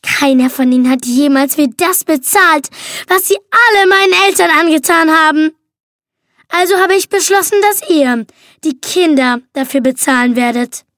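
A woman's voice: normal speed, a bit bright, no echo, studio quality. A woman reader voicing a vengeful, cold young woman who mocks her captives in an audiobook. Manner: icy, mocking, shrill when enraged. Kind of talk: audiobook reading.

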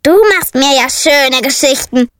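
A woman's voice: sits high, steady tone, a little slow, sharp tone, no room sound, studio quality. A woman voicing a fretful, scolding male raven in a storybook reading, squawking and fussing.

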